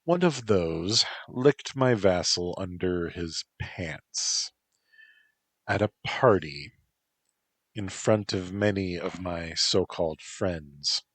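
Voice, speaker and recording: A man's voice: low voice, slow pace, no echo. A man voicing a proud, grieving female spirit who rules a household, speaking solemnly, read as a storybook. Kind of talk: storybook narration.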